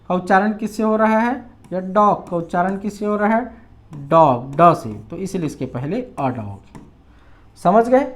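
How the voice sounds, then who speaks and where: A woman's voice: mid-range voice, a little mellow. A woman teacher explaining English articles in a classroom grammar lesson, patiently posing questions and answering them herself.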